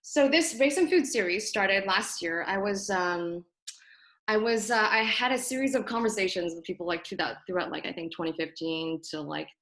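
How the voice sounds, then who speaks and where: Hosting a community discussion over video call from her Toronto apartment, this young woman, a native Cantonese speaker, opens the online group talk casually and earnestly through her computer. Her voice is medium-pitched and fairly bright at a moderate pace, and she speaks thoughtfully, with plenty of ums and self-corrections.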